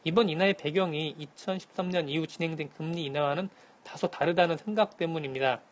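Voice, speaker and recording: A man calling in to a radio show as a correspondent, giving a formal, scripted economic briefing in a measured manner. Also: on the high side. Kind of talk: scripted news briefing, answering by phone. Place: phone link to a radio programme.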